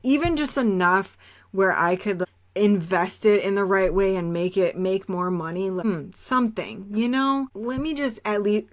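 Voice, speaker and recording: A woman hosting a podcast, talking candidly and bluntly in a casual spiritual monologue, swearing freely and rambling with fillers and restarts. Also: medium pitch. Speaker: podcast host.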